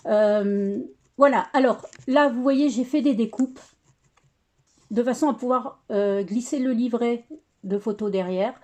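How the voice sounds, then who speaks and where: A woman's voice: on the high side, unhurried, darkish tone. A woman casually presenting a scrapbooking album, chatty and hesitant, with many fillers and restarts. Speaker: scrapbooking crafter showing her work. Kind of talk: casual craft tutorial.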